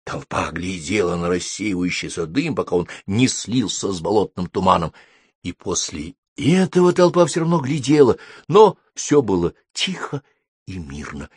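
Husky low-ish male voice reading a storybook aloud, lots of up and down, dry close sound. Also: normal speed, no room sound. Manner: expressive storytelling. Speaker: narrator. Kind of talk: audiobook narration.

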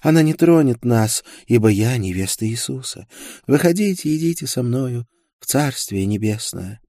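A man's voice: mid-range voice, expressive, normal speed, mellow, no echo, studio quality, pitched above the performer's own voice, lightly acted. A man voicing a deluded young woman, a religious fanatic who speaks in a raised, ecstatic preaching tone in an audiobook. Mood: exalted. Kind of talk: audiobook character voice.

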